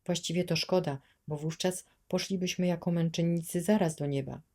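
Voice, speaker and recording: A woman voicing a gentle, pious young boy who speaks softly and earnestly, in an audiobook reading. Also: lowish voice, fairly even intonation, normal speed. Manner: soft, earnest.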